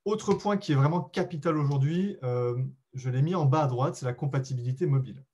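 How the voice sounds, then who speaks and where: A man's voice: fairly high pitch, brisk, darkish tone, husky, lo-fi sound. A man presenting a live webinar, explaining patiently to his listeners with frequent hesitations and polite asides. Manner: addresses listeners directly and politely.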